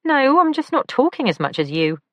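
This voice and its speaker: A woman's voice: sits high, sing-song, fairly quick, no room sound, pitched above the performer's own voice. A woman voicing a careful young female pastry chef with dry humour in an audiobook.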